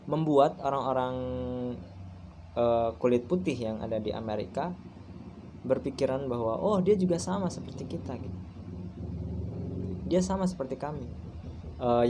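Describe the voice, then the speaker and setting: A university student in his twenties gives a recorded class presentation in a mid-range voice against a noisy background. He speaks hesitantly, with frequent fillers and restarts.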